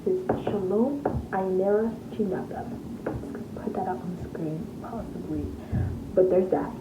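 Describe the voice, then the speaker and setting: A woman's voice: medium pitch, normal speed. A fifteen-year-old girl from Tennessee, chatting casually as a vlogger, rambling with many fillers. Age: teens, fifteen. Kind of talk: casual get-to-know-me chat. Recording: tinny phone-like sound in an echoey room with noise.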